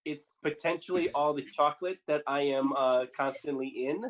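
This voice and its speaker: A smug young girl cartoon pig, as a performer puts her on, fielding questions with rambling, self-important bluster. The voice sits in a middling pitch with a faint hiss in the background. She keeps stalling on filler words and starting her sentences over. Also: moderate pace, natural voice, rough recording. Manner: bluffing, rambling, full of ums and restarts. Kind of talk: improvised mock press conference.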